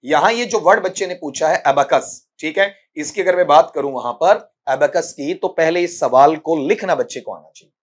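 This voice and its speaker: Answering student questions in an exam-prep class, this stern English teacher drills pronunciation by slowly spelling out sounds and repeating words. Speaking in a slightly higher voice with a Rajasthani Hindi accent, he scolds, keeps asking "ठीक है?", and addresses students as "बेटा".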